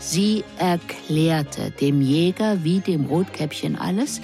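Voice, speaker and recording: A woman reading a first-person story aloud in a measured, expressive way. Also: deep voice, creaky. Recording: music underneath.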